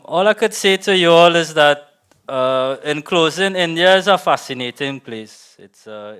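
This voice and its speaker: Slow, hesitant man with a smooth voice. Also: medium pitch, fairly bright tone. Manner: hesitant, with many fillers and restarts. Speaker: professor closing a session. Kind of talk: closing remarks at a talk.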